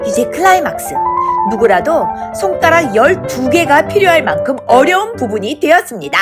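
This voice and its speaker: Woman reading a kids storybook, really expressive, high voice that bounces around a lot. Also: moderate pace, music in the background. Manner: expressive, dramatic. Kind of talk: storybook narration.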